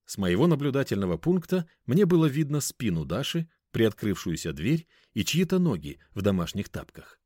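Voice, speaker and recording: A man's voice: mid-range voice, very animated, moderate pace, few pauses, a little mellow, no room sound, clean studio sound. A man narrating a first-person story in a wry, conversational way. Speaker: audiobook narrator.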